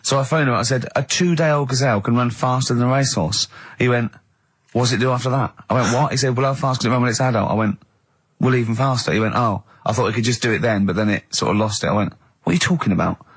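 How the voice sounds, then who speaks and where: A man's voice: medium pitch, quick pace, slightly rough, no room sound. A man hosting a comic radio show, telling a story with mocking asides and breaking into laughter. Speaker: radio host.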